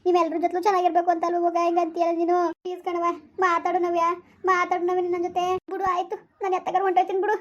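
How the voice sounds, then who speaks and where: A woman's voice: very high-pitched, completely flat delivery, very fast, highs cut off. A woman acting a remorseful village stepmother who begs her stepdaughter to forgive her, in an amateur family drama. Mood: pleading. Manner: pleading, repetitive, rural colloquial speech.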